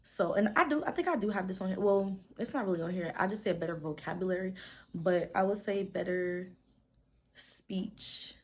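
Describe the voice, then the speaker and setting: A woman in her twenties chatting casually to camera as a vlogger, talking fast in rambling runs, stumbling over words and leaning on fillers. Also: medium pitch. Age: 20s. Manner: many "like" fillers.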